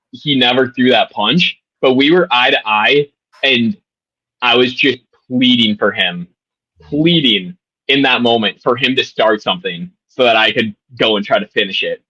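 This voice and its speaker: A young man, a former college tennis player, telling a story in a casual, animated way with lots of fillers and restarts. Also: mid-range voice, normal speed, breathy edge, no echo, dull audio.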